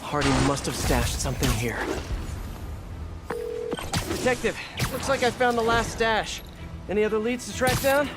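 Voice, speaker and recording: A man's voice: high voice, expressive, moderate pace, long pauses, over loud music. An American man playing a quippy, earnest young superhero in a video game, talking in a wry, casual way. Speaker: video game lead character. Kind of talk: video game voice acting, conversational.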